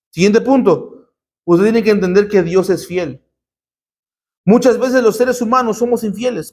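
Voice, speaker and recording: A pastor with a high, slightly mellow voice preaches to his congregation, teaching emphatically through rhetorical questions and call-and-response.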